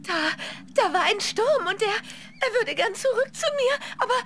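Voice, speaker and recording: A woman's voice: very high-pitched, expressive, moderate pace, fairly bright tone, slight background noise, heavily acted. A woman voicing a lovelorn, jilted young maiden in a video game, tearful and sobbing as she speaks. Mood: tearful longing. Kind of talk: fantasy video game acting.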